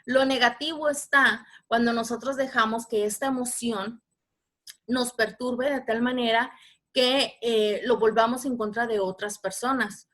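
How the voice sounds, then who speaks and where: A workshop facilitator with a Mexican Spanish accent leads a live online session over a video call, speaking patiently and putting questions to her audience. Her voice is a little high, steady, and fairly bright, and she talks unhurriedly.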